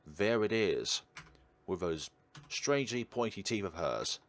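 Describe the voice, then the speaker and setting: There's no room sound, though the background is clearly noisy, as a man with a low, sing-song voice reads a visual novel in an unhurried, theatrical way. He stops to react and adds casual commentary as a let's player.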